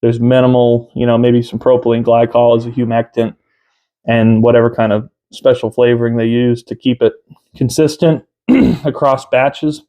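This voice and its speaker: A man in his thirties with a mid-pitched voice talks casually to a camera in a room at home. He reviews in an unhurried, halting way, often pausing partway through a sentence. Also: level tone, mellow. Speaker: tobacco reviewer. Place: small room at home, indoors.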